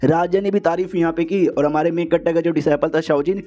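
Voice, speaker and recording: A man's voice: on the high side, fairly even intonation, fairly quick, warm tone. Slangy male recap narrator, rambling. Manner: slangy, rambling, heavy on filler words. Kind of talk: casual story recap voiceover. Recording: dull lo-fi voiceover.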